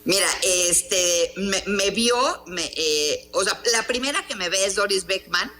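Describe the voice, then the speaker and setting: An emphatic, indignant Mexican woman journalist talks through a news interview, her voice bright and sharp. Soft music plays faintly underneath. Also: medium pitch, expressive, takes it slowly. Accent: Mexican Spanish. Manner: emphatic, indignant, rhetorical questions. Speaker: journalist and columnist.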